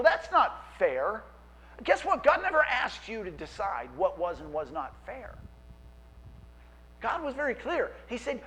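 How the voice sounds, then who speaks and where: A man preaching a sermon as pastor, animated and acting out quoted voices. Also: high-pitched, low-quality recording.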